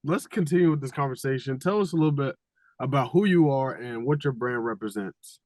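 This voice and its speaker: A man's voice: medium pitch, a little fast, darkish tone, no echo. Podcast host guy, pumped up intro voice, dry sound. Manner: hyped, promo-style. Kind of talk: upbeat podcast hosting.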